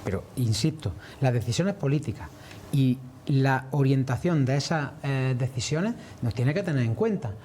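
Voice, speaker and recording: A man's voice: mid-range voice, animated, moderate pace, warm tone, a little hiss or hum. A man answering as a farmers' representative in a broadcast interview, earnest and explanatory.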